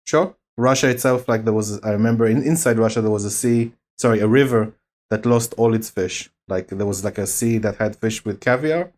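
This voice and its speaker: Low-voiced man arguing a point deliberately. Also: a little mellow. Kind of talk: informal political debate, explaining arguments.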